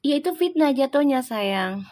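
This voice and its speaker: A woman's voice: high-pitched, lively intonation, normal speed, darkish tone. A woman, hosting a casual live stream, reading viewer comments and scolding them with rhetorical questions.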